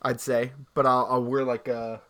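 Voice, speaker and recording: A man co-hosting a podcast, chatting casually with rambling jokes and quick asides. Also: medium pitch, little pitch movement, a bit bright. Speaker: podcast co-host. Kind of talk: casual chat.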